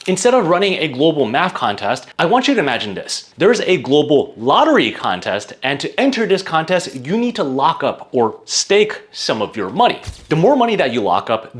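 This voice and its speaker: A man narrating a scripted explainer as its presenter, laying things out simply, step by step, with emphatic phrasing. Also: medium pitch.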